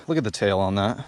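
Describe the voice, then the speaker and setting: A young man vlogging while bank fishing at a pond outdoors, talking in excited slang and bursting into shouts. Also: mid-range voice, a little hiss or hum. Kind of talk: excited outdoor vlog commentary.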